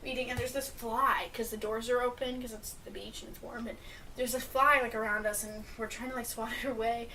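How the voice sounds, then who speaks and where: A young woman co-hosts a casual chat podcast, recounting family mishaps with animated energy and frequent laughter. Her voice sits high and bright. The mic catches her from a little distance, with a faint hiss behind. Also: a little fast. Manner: animated storyteller, laughs often. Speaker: podcast co-host.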